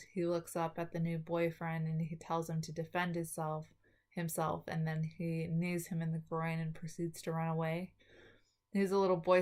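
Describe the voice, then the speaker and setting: A woman talking with new dental braces, giving a halting spoken summary as a student presenter, often correcting herself. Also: sits low, darkish tone. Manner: halting, with self-corrections and trailing restarts. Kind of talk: spoken film summary for a class video.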